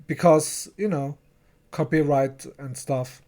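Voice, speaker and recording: Slow-talking reviewer, English speaker. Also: medium pitch, darkish tone. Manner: chatty, stumbling, repeats words, acts out characters' lines. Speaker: TV episode reviewer. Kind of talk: casual recap and review of a TV episode.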